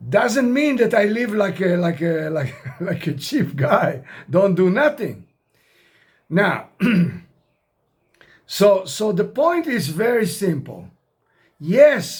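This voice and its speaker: A man in his sixties who grew up outside America, talking casually to camera as an expat vlogger, rambling and direct, with non-native grammar. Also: high voice. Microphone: camera mic.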